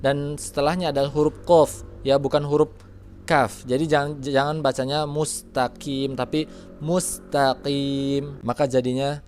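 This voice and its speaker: A man teaching Quran pronunciation, explaining each letter patiently and slowly drawing out the recited examples. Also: on the high side, flat delivery, darkish tone, faint music behind. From Indonesia. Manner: patient, careful, drawing out sounds slowly to demonstrate.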